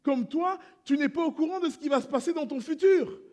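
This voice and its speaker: Male pastor, high voice, sermon in church, quiet prayer swelling into fervent preaching. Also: fairly quick. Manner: swings from hushed prayerful to loud impassioned preaching.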